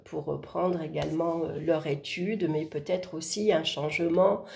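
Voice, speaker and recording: Female horoscope card reader, informal, throat hoarse from swollen tonsils, gravelly low-effort delivery, dark soft tone. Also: steady tone, a little slow, a little hiss or hum. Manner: speaking softly to spare her throat.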